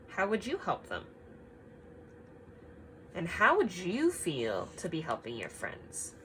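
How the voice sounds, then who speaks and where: Reading a picture book to kids at a medium pitch, a woman brings lots of expression and emphasis, pausing to pose simple questions that guide them along. The audio is poor, with slight background noise.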